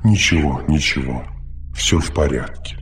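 Man voicing a fussy, deep-voiced caretaker machine. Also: normal speed, a bit bright, slight background noise. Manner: solicitous, lecturing, talks too much. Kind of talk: audiobook reading.

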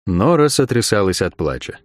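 A man narrating a dark fantasy audiobook in a measured, dramatic way, recorded on a close studio mic. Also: fairly low pitch, big pitch swings, dry recording.

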